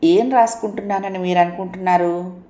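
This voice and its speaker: A woman's voice: fairly low pitch, steady tone, a little fast, dark tone, reverberant, lightly acted. A woman voicing a curious, guarded young wife.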